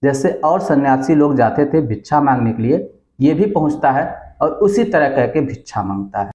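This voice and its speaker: A man tells a folk story in a warm, unhurried way, speaking to his listeners as friends. The room around him rings with echo, and the sound is slightly muffled. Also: medium pitch, lively intonation. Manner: addresses listeners as friends, acts out dialogue lightly. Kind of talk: storytelling narration.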